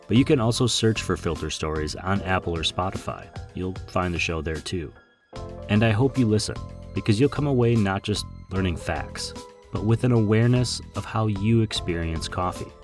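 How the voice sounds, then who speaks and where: A man hosting a coffee podcast, reading a scripted, upbeat introduction and sponsor message. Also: sits low. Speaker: podcast host.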